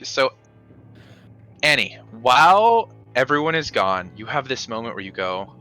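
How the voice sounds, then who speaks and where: Male game master, improvised tabletop narration, piercing bright tone, mid pitch, dramatic pauses. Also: very animated, soft background music.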